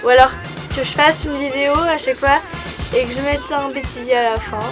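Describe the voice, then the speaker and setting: A young woman from France with a high, light voice reads out viewer questions and answers them casually. She talks in a chatty, hesitant way, and music plays clearly underneath. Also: steady tone, a little fast. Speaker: dog-owner vlogger answering viewer questions. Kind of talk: casual FAQ chat. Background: background music.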